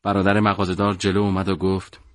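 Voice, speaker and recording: Man reading a story, very deep voice, dry close sound, steady and dramatic. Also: dry recording. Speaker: narrator. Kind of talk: audiobook story narration.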